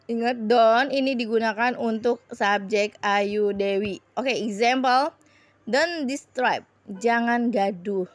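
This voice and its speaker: Indonesian woman, English teacher, slow deliberate explainer, dry close recording. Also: a little high, dry recording. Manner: slow, explains in Indonesian and repeats English examples, rising on "please". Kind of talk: recorded online grammar lesson.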